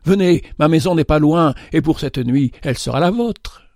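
A man voicing a calm, kindly male traveler who speaks in a gentle, reassuring way. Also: fairly high pitch, normal speed, no room sound, clean studio sound.

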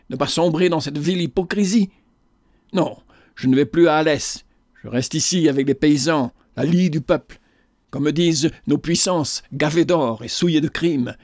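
A man's voice: fairly high pitch, a little mellow, no echo, studio quality, lightly acted. A man reading an audiobook and voicing a fervent, indignant young woman in a passionate, declamatory way.

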